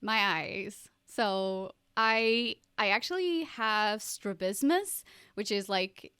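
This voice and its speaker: A woman's voice: medium pitch, slow pace, sharp tone, smooth, no echo, studio quality. A woman from Portugal, talking as a guest in a casual interview, chatty and upbeat. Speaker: podcast guest.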